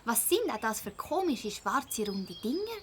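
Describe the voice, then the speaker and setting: A woman with a Swiss German accent voices an eager, determined schoolgirl detective for a children's audio drama, sounding disgusted. Her exaggerated delivery is emphatic and expressive, a little high with a breathy edge, at a measured pace.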